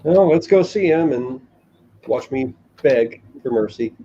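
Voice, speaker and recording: Male game player, dark relaxed tone, casual in-game talk, dull sound with faint noise. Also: mid-range voice, measured pace.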